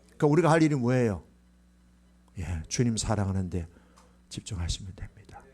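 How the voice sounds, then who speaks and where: A man's voice: lowish voice, big pitch swings, fairly quick, darkish tone. A male pastor preaching a sermon, quizzing the congregation and acting out quotes.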